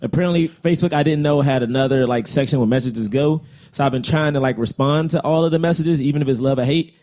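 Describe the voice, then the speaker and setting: A man co-hosting a casual podcast chat, playful and animated in banter. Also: medium pitch, fast talker. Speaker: podcast co-host.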